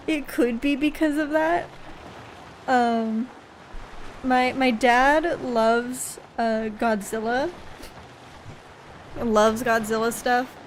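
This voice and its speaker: A woman's voice: fairly high pitch, steady tone, very slow, pauses often, slight background noise. A young adult woman chatting casually while streaming a video game, rambling and often giggling. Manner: giggly, rambling, frequent laughs. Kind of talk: casual gameplay chat.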